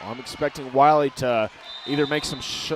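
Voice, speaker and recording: A young man doing color commentary at a high school basketball game, jokey and quick to exclaim. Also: steady tone. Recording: loud crowd and gym noise.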